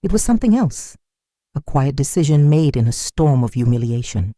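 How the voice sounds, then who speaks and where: Sombre older woman storyteller, mellow voice. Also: extremely low pitch, very animated, dry recording, studio quality. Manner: sombre, measured, wounded. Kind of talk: scripted first-person narration.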